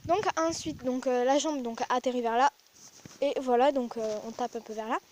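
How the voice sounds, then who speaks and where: A woman's voice: sits high, steady tone, moderate pace, darkish tone. A young woman with a French accent explaining horse anatomy in a casual vlog, full of fillers and restarts. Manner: chatty, many fillers and restarts. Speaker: horse vlogger. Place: outdoors in a stable yard with horses.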